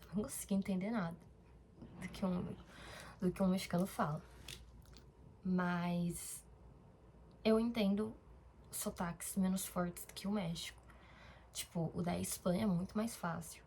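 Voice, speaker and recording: Speaking at a measured pace with long pauses, a young Brazilian vlogger rambles casually in a diary-style clip, full of fillers and self-corrections. Her lowish voice is fairly even and a bit mellow, over a slight hiss or hum.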